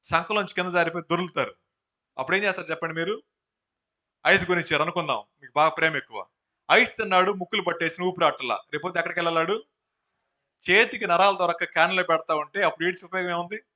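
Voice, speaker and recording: A male pastor preaching a sermon, rising to loud bursts and putting questions to the congregation. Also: high voice, fast.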